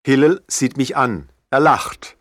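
A man narrating an audiobook in first person, slow, intense and introspective. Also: mid-range voice, a bit bright, no echo, studio quality.

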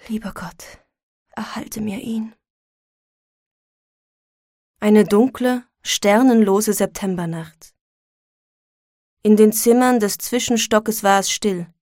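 A woman reading a classic story aloud as narrator, measured and expressive. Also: mid-range voice, no echo, clean studio sound.

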